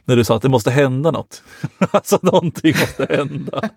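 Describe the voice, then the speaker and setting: Gravelly-voiced man chatting casually. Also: mid-range voice, no room sound, clean studio sound. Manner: easygoing, laughs often. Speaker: podcast co-host. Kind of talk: casual chat.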